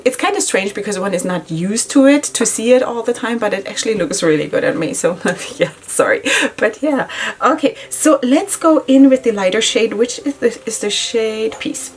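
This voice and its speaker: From a home makeup setup in Israel, a chatty, giggly middle-aged beauty vlogger talks through her routine in English, which isn't her first language. She fills gaps with "you know" and "like," her voice is mid-range, and a little hiss or hum can be heard.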